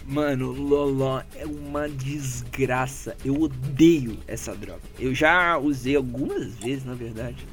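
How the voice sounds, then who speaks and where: A man's voice: mid-range voice, slow pace, few pauses, a bit bright, faint music behind. A young man with a Brazilian Portuguese accent, chatting casually on a podcast in a blunt, sweary, slangy way. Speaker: podcast co-host. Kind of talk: casual chat.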